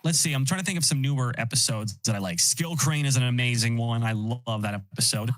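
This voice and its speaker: A man's voice: mid-range voice, fairly quick, a bit bright. A man chatting as a livestream guest, enthusiastic and often restarting his sentences. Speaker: guest, host's boyfriend. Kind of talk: casual chat.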